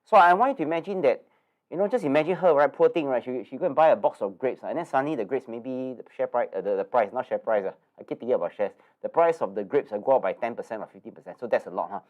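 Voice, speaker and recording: A man's voice: medium pitch, animated, fast talker, dull audio. A man hosts a live investing webinar, chatty and nasal, full of fillers and tag questions. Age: 50s. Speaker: investing course host.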